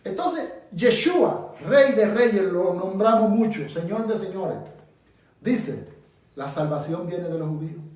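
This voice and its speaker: This is a Dominican Bible teacher running an interactive session, questioning his listeners and stressing his points hard with a Dominican Spanish accent. His voice sits high and sounds animated, slow and a little mellow, captured far away in a room full of echo.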